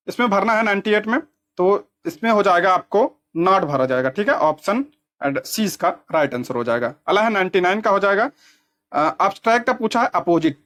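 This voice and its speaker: A man's voice: high-pitched, a bit bright. A man teaching as an exam coaching teacher, explaining practice questions step by step and repeating key terms to check that they sink in.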